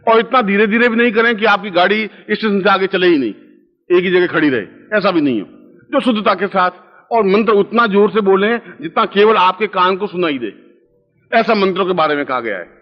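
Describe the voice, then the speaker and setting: High-voiced man teaching a mantra in a hall. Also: expressive, brisk. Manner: instructive, dictating a mantra syllable by syllable; chants mantra syllables aloud. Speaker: guru leading a mantra practice. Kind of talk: spiritual discourse. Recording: dull lo-fi recording with long hall reverb.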